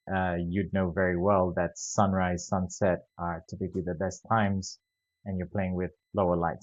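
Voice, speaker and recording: A man from Zambia, a wildlife photographer and interview guest, explaining things in a measured way with a few restarts. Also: on the low side, a little mellow, no echo, dull audio. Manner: measured, explanatory, some repeated starts. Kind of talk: casual interview answers.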